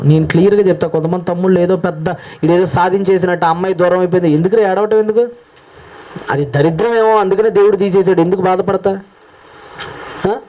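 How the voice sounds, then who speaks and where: A man preaching a sermon, asking his listeners questions and telling a parable in a lively way. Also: high voice. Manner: lively, asks the crowd questions. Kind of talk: sermon with storytelling.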